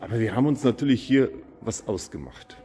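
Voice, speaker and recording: A chatty camping vlogger talks informally in a big showroom hall. His voice sits mellow and dark, and a long hall reverb trails every phrase. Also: mid-range voice, expressive, brisk. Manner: chatty, informal, enthusiastic asides. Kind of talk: casual on-location chat. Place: camper showroom, large indoor hall.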